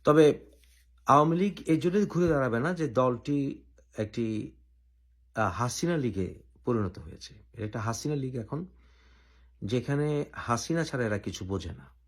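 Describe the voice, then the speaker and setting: A man from Bangladesh hosting his own channel, giving an opinionated political commentary and laying out his argument point by point with deliberate pauses. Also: mid-range voice, expressive.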